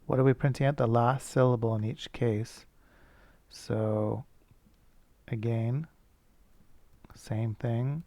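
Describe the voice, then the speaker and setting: A man's voice: mid-range voice, fairly even intonation, slow, pauses often, dark tone, dry recording. A male teacher thinking aloud as he works through a coding problem, casual and self-correcting. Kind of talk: screencast coding lesson.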